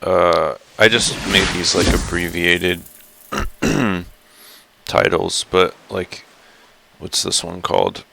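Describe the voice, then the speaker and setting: A man in a rough, gravelly morning voice, rambling chattily through a casual live stream with lots of fillers and restarts. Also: deep voice, expressive, takes it slowly, long pauses, pushed and bright, slight background noise. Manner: rambling, chatty, many fillers and self-corrections. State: groggy just-woken morning voice. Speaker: live streamer exploring a virtual world.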